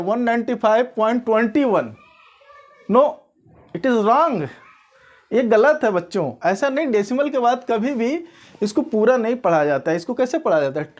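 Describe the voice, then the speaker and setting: A woman teaching a maths lesson, often asking students if they understand. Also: a little high. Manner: questioning, checks understanding often. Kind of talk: classroom-style maths lesson.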